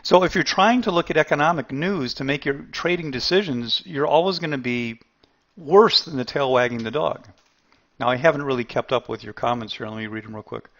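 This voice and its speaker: A middle-aged man teaching trading in a live webinar, talking straight to his viewers and chat, animated and laughing at his own points. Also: medium pitch, brisk, highs cut off. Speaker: trading educator.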